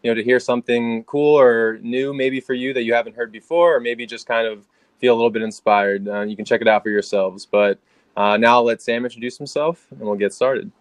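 A man's voice: medium pitch, fairly even intonation, brisk, no room sound. A man, co-hosting a casual podcast and rambling with lots of fillers and restarts. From Philadelphia, USA. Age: 20s. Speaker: podcast co-host.

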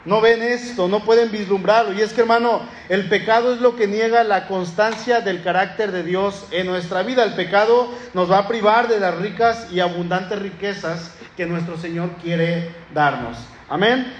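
A man's voice: high voice, normal speed, few pauses, highs cut off, slight background noise. A male pastor preaching a sermon, calling out to his congregation as he reads and explains scripture. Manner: lively, calls out to the congregation. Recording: echoey hall with room ambience.

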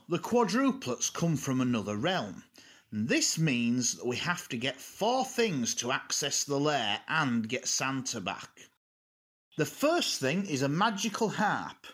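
An actor playing a self-important military elf leader giving deliberate briefings in an audio drama. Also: male voice, a little high, fairly bright tone, exaggerated voice.

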